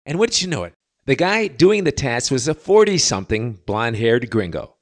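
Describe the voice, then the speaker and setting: Sarcastic man with a lively voice. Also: mid-range voice, moderate pace. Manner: sarcastic, mocking. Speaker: podcast host. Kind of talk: sardonic monologue. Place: living in Latin America.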